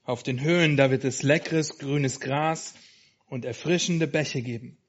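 A man's voice: mid-range voice, unhurried, natural voice. A man voicing a cheerful, reassuring female sheep who encourages her friend in a storybook reading. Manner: encouraging, warm. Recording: dull lo-fi sound.

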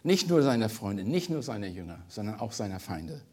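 A man's voice: fairly low pitch, very animated, a little fast, dark tone, breathy edge. A man reading a Bible passage aloud and then preaching on it earnestly, with small slips and restarts. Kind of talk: scripture reading and sermon.

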